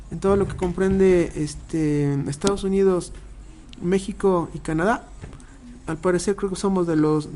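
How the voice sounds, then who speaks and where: A man's voice: fairly high pitch, darkish tone. A man demonstrating a machine to clients, explaining step by step with frequent hesitant fillers and restarts.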